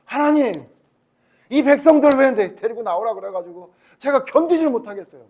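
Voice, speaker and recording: A man's voice: extremely high pitch, animated, brisk, a little mellow, pitched above the performer's own voice, exaggerated voice. A man voicing a weary old male prophet who begs to be spared his burden, in a strained, pleading voice.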